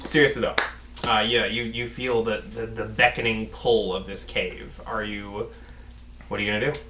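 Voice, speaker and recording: A man's voice: lowish voice, little pitch movement, moderate pace. A man working as game master, narrating a tabletop game in a casual, conversational way. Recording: roomy, distant mic, faint noise.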